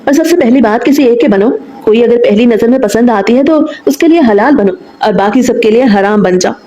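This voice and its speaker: A woman's voice: fairly high pitch, expressive, a little fast, mellow, roomy sound, natural voice. A woman voicing a possessive young man in a romance audiobook, talking in a firm, commanding way.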